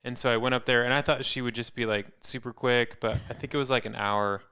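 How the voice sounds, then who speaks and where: A man's voice: medium pitch, fairly even intonation, fast talker, pushed and bright, clean tone. A man co-hosting a podcast in casual chat, an easygoing storyteller who laughs often. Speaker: podcast co-host.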